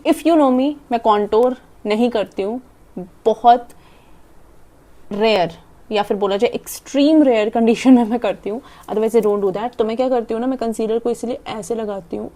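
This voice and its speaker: Young Indian woman, makeup vlogger, mellow tone, quick chatty delivery with swallowed words. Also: on the high side. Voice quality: talks fast and swallows half her words. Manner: chatty, demonstrating while applying makeup. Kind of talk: casual makeup tutorial, Hindi-English mix.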